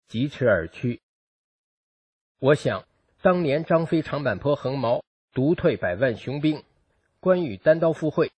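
A man reading a first-person account aloud in a steady, even narrating manner. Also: medium pitch, slightly rough, dry recording. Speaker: reader of a personal testimony.

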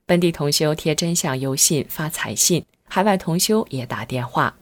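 A middle-aged woman reading aloud a first-person testimony in an earnest, steady storytelling manner. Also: low voice, normal speed. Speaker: narrator of a personal account.

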